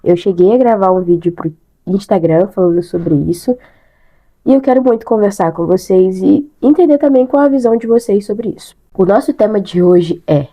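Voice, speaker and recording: A young woman with a Brazilian accent talks casually to her viewers, as in a personal vlog. Her voice is mellow and relaxed, thickened by a blocked nose and a sick throat. She leans on repeated words to stress her points in a conversational way. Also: mid-range voice. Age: young adult. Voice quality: congested, stuffy nose. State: congested with sinusitis and a bad throat. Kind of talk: casual chat to camera.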